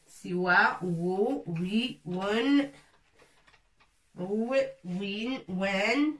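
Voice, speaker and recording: In a slow, letter-by-letter French pronunciation lesson, an Arabic teacher drills learners on each syllable, repeating the sounds patiently. She has a medium pitch and a fairly bright tone. The distant, slightly off-mic recording is echoey with faint noise.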